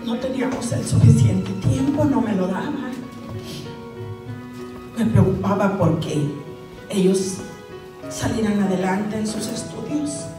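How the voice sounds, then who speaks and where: An older Mexican woman with a Mexican accent, telling her story as a bereaved mother in a slow, halting, sorrowful way. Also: mid-range voice, expressive. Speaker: bereaved mother giving testimony. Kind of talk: personal testimony. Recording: echoey, distant mic with music underneath.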